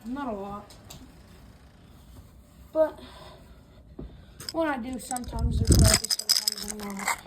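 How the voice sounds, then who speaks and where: Young woman, heavy breathing, noisy outdoor recording. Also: fairly high pitch. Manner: halting, short offhand remarks with long pauses. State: congested with a cold, breathing heavily. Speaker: amateur video maker. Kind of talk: casual narration of a hands-on demonstration.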